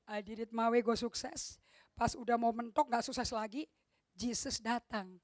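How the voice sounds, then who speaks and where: A woman's voice: a little high, fairly even intonation, normal speed, darkish tone, no echo, clean studio sound. A middle-aged woman pastor, preaching a sermon in an emphatic way and slipping English phrases into her talk. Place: church hall.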